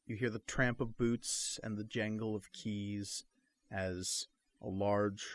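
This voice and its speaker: A man narrating a tabletop game as game master, with measured, descriptive delivery. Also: fairly low pitch.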